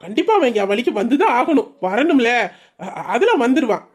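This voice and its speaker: This audio drama performance presents Sellamuthu, a thrifty, stern shop-owning father in middle age, defending himself and lecturing his wife persuasively. The voice sits at medium pitch with big swings, a fairly quick pace, and a breathy edge.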